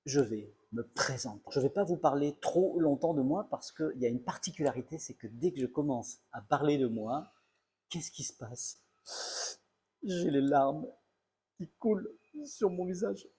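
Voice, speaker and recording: A man's voice: mid-range voice, moderate pace, a little mellow, husky. A middle-aged male comedian telling a self-mocking story in a mock-serious, playfully exaggerated comic monologue.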